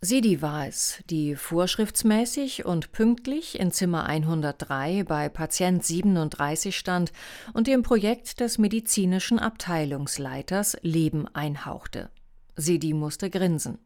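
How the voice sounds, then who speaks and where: A woman narrating a novel as an audiobook in an even, measured reading. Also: lowish voice.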